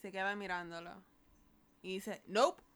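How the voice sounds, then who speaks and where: A woman's voice: mid-range voice, normal speed, fairly bright tone. A woman co-hosting a podcast, telling an improvised comic story in a casual, giggly way.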